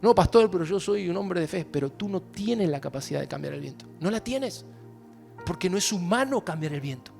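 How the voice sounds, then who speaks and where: A man with an Argentine accent preaching a sermon as pastor, climbing to loud, emphatic shouts on the key lines. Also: high voice, lively intonation, fairly quick, gravelly, soft background music. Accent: Argentine Spanish. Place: church service.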